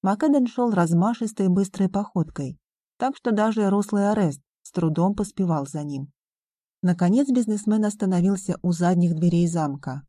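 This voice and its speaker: A woman reading an audiobook in a measured, even storytelling manner. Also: mid-range voice, no echo. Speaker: audiobook narrator. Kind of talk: scripted audiobook narration.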